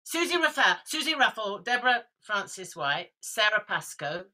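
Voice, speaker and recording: A woman actress chatting on a video call, animated and enthusiastic. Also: medium pitch, normal speed. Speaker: actress and Amnesty ambassador. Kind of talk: casual chat on a video call.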